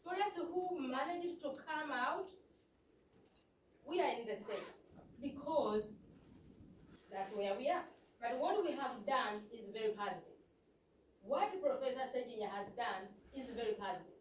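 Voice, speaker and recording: A woman's voice: on the high side, animated, measured pace, pauses often, slight background noise. A woman from Uganda with a Ugandan accent, giving an earnest, emphatic conference presentation with rhetorical questions to the audience. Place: lecture hall. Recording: echoey hall, far off.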